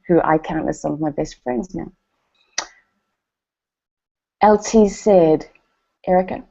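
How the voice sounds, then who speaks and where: Her medium-pitched voice is gravelly and the audio dull as this New Zealand-accented woman from New Zealand motivates a company-event audience. She does it through animated storytelling, acting out quoted voices.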